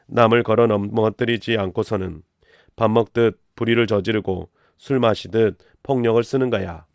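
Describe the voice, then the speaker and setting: A man reading Bible passages aloud in a steady, measured recitation on a close mic. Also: fairly low pitch, creaky, smooth, no room sound. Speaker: scripture reader.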